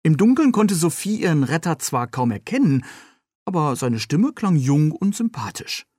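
A man reads from his novel in a calm storytelling voice. His pitch sits a touch high, and the sound is close and dry. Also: normal speed, no room sound. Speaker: author reading his novel. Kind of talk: novel reading.

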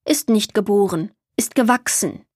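A woman's voice: mid-range voice, moderate pace, a little mellow, slightly rough, dry recording, clean studio sound, close to an everyday voice. A woman voicing a strange plant-like boy from the forest who talks in simple broken phrases. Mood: earnest.

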